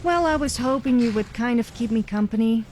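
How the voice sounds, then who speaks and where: Woman playing Sophia, a cocky higher-voiced adventurer. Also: brisk, a little mellow, slight background noise, close to an everyday voice. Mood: cocky, coaxing. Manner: cocky, sarcastic, teasing. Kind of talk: comedic voice acting for a video game follower.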